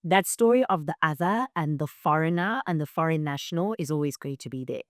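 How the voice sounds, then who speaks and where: Her voice is deep and expressive, fairly quick, captured in clean studio sound with no room echo. She is a young South African woman, a native Shona speaker, giving reflective interview answers sprinkled with frequent "right?" check-ins.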